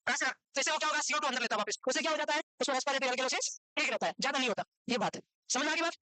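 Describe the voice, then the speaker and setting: A woman gives a medical lecture at a breakneck clip, tossing out question after question and repeating each answer. Her voice sits high and sounds sharp and bright. The recording is dry and close. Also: racing, dry recording, low-quality recording. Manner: mixes English medical terms into Hindi. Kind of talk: Hindi medical lecture, quizzing students.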